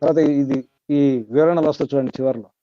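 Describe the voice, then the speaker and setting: Man, spiritual teacher, mellow higher voice, repetitive, quizzes listeners, dull dry sound. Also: fairly even intonation, quick pace, no echo. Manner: repetitive, quizzing listeners, chanting Sanskrit verses. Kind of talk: spiritual discourse to a class.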